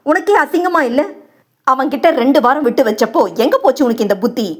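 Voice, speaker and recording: A woman's voice: high voice, animated, fairly quick. Woman doing a furious, scornful husband. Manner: angry, scolding, cutting. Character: furious young husband, harsh and contemptuous.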